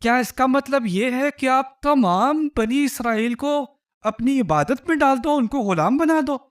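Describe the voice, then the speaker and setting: Brief: man doing a bold prophet, high voice, indignant questions to a king. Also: lively intonation.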